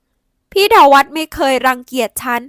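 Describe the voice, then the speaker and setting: A woman voicing a calm, dignified young woman who speaks softly, politely and steadily. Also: normal speed, dry recording, studio quality, lightly acted. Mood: firm.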